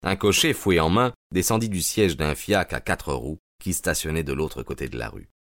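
A man narrating an audiobook in a steady, measured way. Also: sits low, no echo, studio quality.

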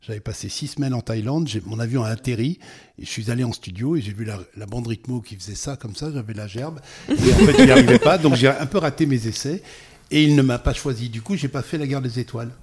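A man with a slightly husky, breathy voice recounts stories from his dubbing career at an ordinary pitch. He talks casually, pausing often and searching for names as he goes. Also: darkish tone. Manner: storytelling, hesitant with many fillers. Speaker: voice actor guest. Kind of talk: casual interview anecdotes.

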